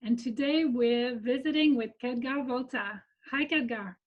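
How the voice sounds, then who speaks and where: A woman's voice: a little high, unhurried, highs cut off. A woman, an associate curator, interviewing an artist over a video call in a friendly, questioning manner.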